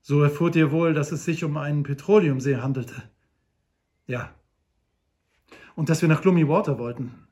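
A man's voice: fairly high pitch, fairly even intonation, moderate pace, pauses often, a little mellow, close to an everyday voice. A man voicing a polite, grateful banker who has just been rescued, in an audiobook. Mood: earnest.

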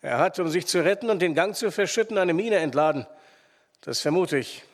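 A man voicing a calm, decisive male investigator who explains firmly, in reverberant sound. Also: sits high, brisk.

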